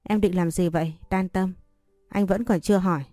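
A woman reading a story voicing a cold, stern young husband who asks sharp questions. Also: fairly low pitch, fairly even intonation, moderate pace, dry recording, clean studio sound, soft background music, natural voice.

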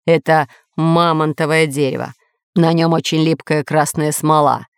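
A woman's voice: deep voice, fairly even intonation, a little slow, clear, resonant tone, no room sound, studio quality. A woman doing a gloomy villainous island lord. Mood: brooding. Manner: gloomy, snapping. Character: brooding male island lord, villainous, weary.

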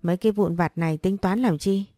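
Sugary fake-nice schemer girl, low mellow tone, woman reading it. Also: fairly quick, no echo, clean studio sound, natural voice. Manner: fawning, falsely polite. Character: scheming sweet-talking young woman.

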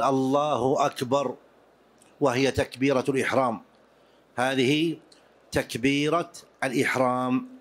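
A man teaching Islamic jurisprudence to a class, explaining prayer rules deliberately and repeating key points for his students. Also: mid-range voice.

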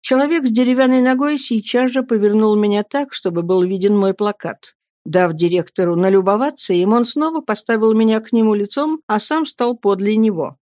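A measured audiobook narrator reading a classic novel in an even storytelling voice of middle pitch. The recording is dry and close, with no room sound around the voice. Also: no echo.

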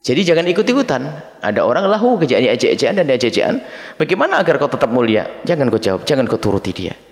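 A man's voice: medium pitch, sing-song, very fast. A middle-aged man preaching a dawn sermon, reading Arabic phrases and explaining them to his listeners as his children. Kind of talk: dawn sermon teaching from a text. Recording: long reverb of a large hall.

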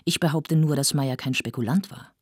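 A woman reading a novel aloud, voicing a tolerant older gentleman who speaks in a measured, soothing way. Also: low-pitched, husky, dry recording, clean studio sound. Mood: calm.

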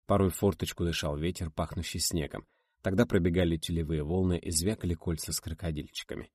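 Deep-voiced male audiobook narrator. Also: steady tone, quick pace, darkish tone, breathy edge, dry recording, studio quality. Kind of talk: first-person audiobook narration.

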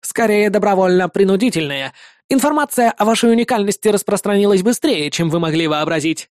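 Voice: mid-range voice, expressive, fairly quick, a little mellow, no room sound, clean studio sound, natural voice. A reader voicing a smug, sly male mobster boss with an oily, gloating manner.

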